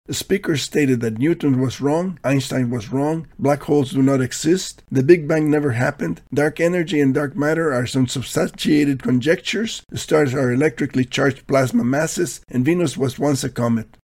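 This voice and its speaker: A man's voice: medium pitch, normal speed, few pauses, darkish tone. A man reading scripted commentary in a dry, questioning, critical manner.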